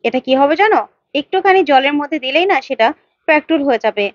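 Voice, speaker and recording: A woman's voice: high-pitched, expressive, quick pace, no room sound, lo-fi sound. A woman voicing a gullible young husband who boasts and then pities himself, in a retold serial. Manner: boastful, then self-pitying.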